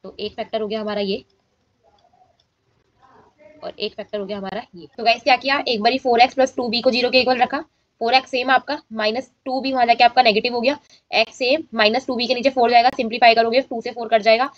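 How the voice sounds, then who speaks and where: Female maths tutor, high voice, dry close sound, walks students through each step. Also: steady tone, quick pace, dry recording, highs cut off. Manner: explains steps aloud, checks in often. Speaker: maths teacher.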